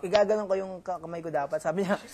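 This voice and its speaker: A young man with a Filipino accent telling a story in casual chat, halting with many fillers and restarts. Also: high-pitched, steady tone, a crowd in the background. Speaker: reality show housemate.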